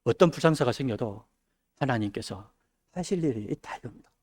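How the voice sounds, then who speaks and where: A man preaching a midweek sermon, dropping his voice low and then rising loud. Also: expressive, brisk. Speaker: pastor. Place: church sanctuary.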